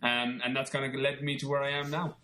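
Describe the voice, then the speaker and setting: A man's voice: medium pitch, flat delivery, fairly quick, pushed and bright. A man with a west of Ireland accent, chatting informally as an interview guest and often rephrasing himself as he explains. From Galway, west of Ireland. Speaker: podcast guest, personal trainer. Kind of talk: conversational interview, telling own story.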